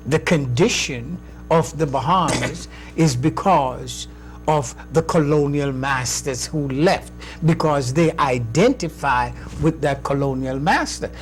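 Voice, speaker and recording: A man hosting an interview, asking questions in a measured way with hesitant fillers. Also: a little high, soft background music. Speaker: talk show host. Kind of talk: conversational interview.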